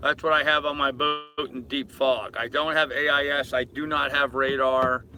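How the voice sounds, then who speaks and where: Soft music plays behind an older man who live-streams a casual chat from an anchored boat. His medium-pitched voice is pushed and bright, with a steady tone and moderate pace, as he rambles through comments, answers them and talks to viewers familiarly.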